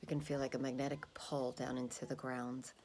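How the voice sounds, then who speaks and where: A woman calmly guiding a grounding exercise in an unhurried, soothing way with pauses, her breathy voice often dropping close to a whisper. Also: extremely low pitch, slight background noise. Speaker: guided meditation leader. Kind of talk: calm guided grounding exercise.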